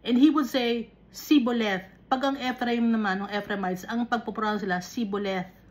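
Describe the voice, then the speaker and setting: A woman teaching a Bible lesson, often stopping to check that her listeners follow. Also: on the high side. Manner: unhurried, explaining with frequent checks on listeners. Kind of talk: Taglish Bible study teaching.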